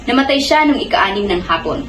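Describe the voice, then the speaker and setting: A woman playing an earnest, troubled young male student in a student drama, speaking in a measured, pleading way. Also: medium pitch, lively intonation, a bit bright, slight background noise, lightly acted. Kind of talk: amateur student stage drama. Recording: echoey room with music behind.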